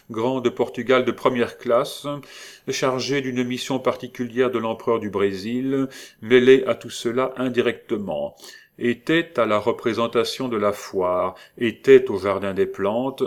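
A man reading a novel aloud as narrator, in steady, even narration. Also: mid-range voice. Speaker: audiobook narrator.

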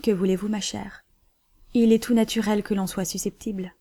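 Woman reading as a mopey banker guy, worried, low and mellow. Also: little pitch movement, normal speed. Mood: plaintive. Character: worried middle-aged male banker, gloomy.

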